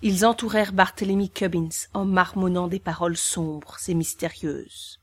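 A woman's voice: lowish voice, steady tone, normal speed, a little mellow. Woman narrating a storybook.

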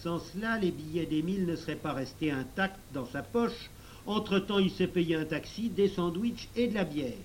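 A man's voice: a little high, moderate pace, slight background noise, voice pushed up, close to an everyday voice, rough recording. A man reading a storybook and voicing a clever boy who reasons things out precisely. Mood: knowing. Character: know-it-all boy called the professor.

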